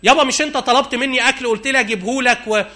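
A preacher playing an eager young trickster. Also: male voice, very high voice, racing, pushed and bright, voice pushed up. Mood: eager, insistent. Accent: Egyptian Arabic. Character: scheming young man faking his brother.

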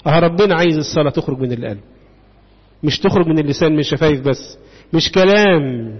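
A man with an Egyptian accent preaching a sermon, often pausing on questions for the congregation to answer. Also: a little high, animated, breathy edge. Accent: Egyptian Arabic. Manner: call-and-response questioning of the congregation. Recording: dull reverberant hall sound.

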